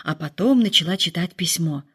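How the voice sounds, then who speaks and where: Expressive woman narrating an audiobook. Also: lowish voice, fairly quick, breathy edge. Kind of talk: audiobook reading.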